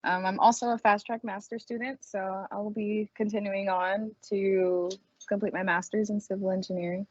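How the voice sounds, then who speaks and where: A woman's voice: medium pitch, level tone, normal speed, dull audio. A woman in her twenties from Texas, a student ambassador introducing herself fluently and easily. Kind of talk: self-introduction on a panel.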